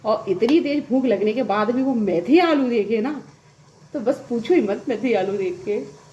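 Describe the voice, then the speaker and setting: A woman's voice: on the high side, lively intonation, a little slow, mellow, highs cut off, slight background noise. A woman in her thirties, a mother chatting casually while doing housework, rambling and laughing often. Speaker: vlogger and mother. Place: home bathroom. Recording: echoey room with faint ambience.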